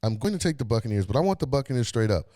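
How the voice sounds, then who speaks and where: A man's voice: mid-range voice, very animated, racing, mellow, no echo. A man co-hosting a podcast, asking a guest about her life in a chatty way with frequent restarts. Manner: chatty, stumbling restarts and laughs. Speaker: podcast co-host. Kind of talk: casual interview hosting.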